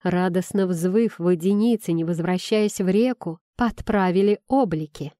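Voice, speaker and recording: Woman, audiobook narrator, first-person, expressive reading, mellow tone, dry close sound. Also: on the low side, a little slow, no echo.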